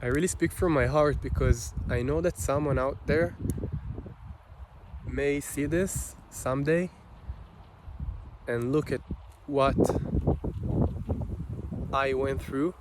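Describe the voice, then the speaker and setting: A mid-range male voice with an Israeli accent belongs to a Hebrew-native vlogger speaking off the cuff in a personal monologue. He is unhurried and reflective, halting with long gaps, and noticeable background noise runs underneath.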